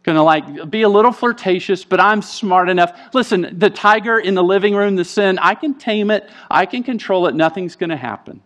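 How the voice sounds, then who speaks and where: Animated high-voiced male pastor preaching. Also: fairly quick, few pauses. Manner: animated storytelling, acting out quoted voices. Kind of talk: sermon. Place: church sanctuary.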